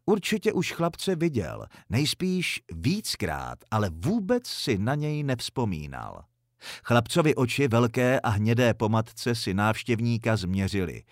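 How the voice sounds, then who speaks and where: A man narrating a story in a calm, measured audiobook reading. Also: medium pitch, dry recording, clean studio sound.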